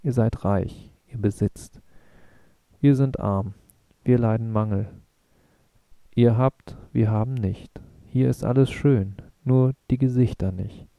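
A man's voice: medium pitch, takes it slowly, vocal fry, warm tone, no echo, dull audio. A man reading Schewek, a brooding moon man. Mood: bitter, impassioned.

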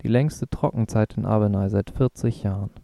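Sober male ecologist, matter-of-fact, gravelly, read by a male narrator. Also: fairly low pitch, fairly even intonation, normal speed, mellow, no echo, clean studio sound. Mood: serious.

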